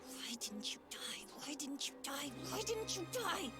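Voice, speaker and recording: A woman's voice: very high voice, expressive, measured pace. An actress voicing an unhinged young woman in a video game, obsessive and repeating herself, veering between a hissing whisper and screams. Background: game music.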